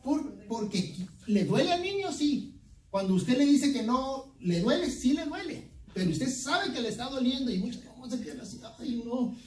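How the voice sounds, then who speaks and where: A male pastor preaching an animated sermon, stammering through restarts and asking the congregation questions. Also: very high-pitched, moderate pace. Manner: asks the congregation questions and has them repeat phrases. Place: church hall. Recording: roomy echo, speaker far from the mic, faint background noise.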